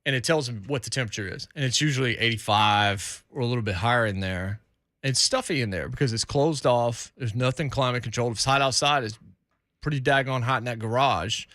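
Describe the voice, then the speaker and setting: A man with an American accent and a mid-pitched voice hosts a talk show. He speaks in a casual, conversational way, and the sound is very dry. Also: a little fast, a bit bright, no room sound. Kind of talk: casual chat, reading out listener comments.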